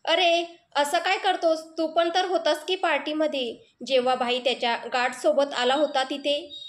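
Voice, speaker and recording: A high, whiny voice of a spoiled, snobbish rich girl, dismissive and self-pitying, as a woman narrator puts her on. She slips English phrases into her complaints, in a storybook reading. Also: steady tone, moderate pace, reverberant, lightly acted. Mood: whiny, scared.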